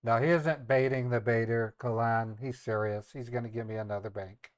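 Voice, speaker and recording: A man's voice: mid-range voice, steady tone, normal speed, smooth, no room sound. A man with an American accent hosting a live stream, talking casually and unhurriedly as he thinks aloud. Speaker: live stream host who calls scammers.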